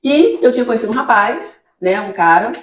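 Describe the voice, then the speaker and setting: A woman's voice: fairly high pitch, animated, a little fast, reverberant. A Brazilian woman pastor telling her testimony in an interview, acting out her own dialogue as she tells the story. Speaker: pastor, children's ministry leader. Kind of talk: testimony in a church podcast interview.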